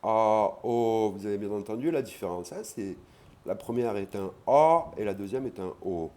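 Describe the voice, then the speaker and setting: A man teaching an online language lesson, explaining patiently and repeating key words slowly. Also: on the low side, lively intonation, mellow.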